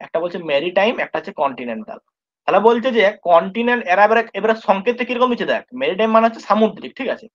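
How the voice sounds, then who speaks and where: A man's voice: high voice, lively intonation, rapid-fire. A male tutor giving an exam-prep geography lesson, informal with his students, repeating points and constantly checking they follow. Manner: informal, addresses students familiarly. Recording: dull lo-fi recording.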